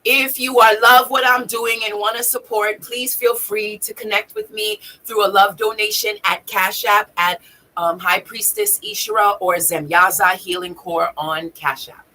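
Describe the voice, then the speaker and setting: Husky, bright-voiced woman preaching on a livestream. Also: fairly even intonation, unhurried, low-quality recording. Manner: swings from low mutter to high shouting; profane, emphatic, preachy. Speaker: livestream host. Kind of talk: spiritual livestream talk.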